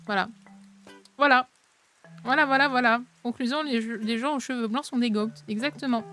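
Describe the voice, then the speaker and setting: A woman casually commenting on a game stream and reading the game's dialogue aloud, expressive and chatty, with a habit of mocking characters. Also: moderate pace. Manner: chatty and expressive, mocking other characters in exaggerated high tones. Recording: faint game music underneath.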